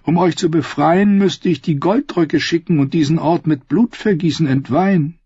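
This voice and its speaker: A scheming queen mother, as a male audiobook reader puts her on, cool and condescending, with a husky, fairly high voice. The recording is dry and a bit dull. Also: moderate pace, warm tone, no room sound. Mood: calculating. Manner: smooth, condescending. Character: scheming older queen mother, coolly composed. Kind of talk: audiobook dialogue.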